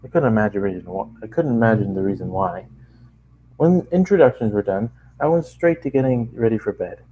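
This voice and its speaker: His voice on the low side and expressive, an amateur narrator briskly reads a first-person story, frequently fumbling lines, apologising, and going back over them. The highs are cut off, and there's a little hiss or hum.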